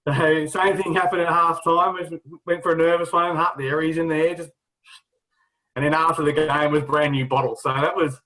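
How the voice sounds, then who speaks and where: A man swapping old footy stories in relaxed chat. His voice sits a touch high for a man, and he tells each yarn with a laugh close behind it. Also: moderate pace, low-quality recording. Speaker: guest, former footballer. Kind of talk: casual storytelling.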